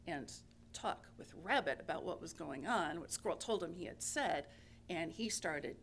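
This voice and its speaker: A middle-aged woman telling a parable as a church speaker, in a gentle, homely storytelling manner. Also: lowish voice, gravelly, a little hiss or hum.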